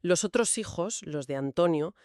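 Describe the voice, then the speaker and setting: A mid-pitched voice, neither high nor low, walks through history in a calm, explanatory way. This co-host lists points one after another in a relaxed podcast chat. The recording is dry and close. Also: normal speed, dry recording.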